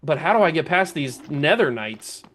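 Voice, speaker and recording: A man giving casual commentary while playing a game, thinking aloud, talking to enemies, his voice a little rough and strained. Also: on the high side, very animated, moderate pace, fairly bright tone, slight background noise. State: voice going, clearing throat. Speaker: let's play gamer.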